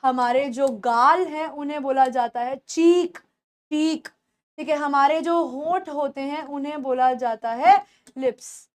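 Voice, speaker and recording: Young female English teacher, Indian accent, high bright pitch, patient classroom drilling of vocabulary. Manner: explains in Hindi mixed with English, repeats words slowly for pronunciation. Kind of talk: spoken English lesson for beginners.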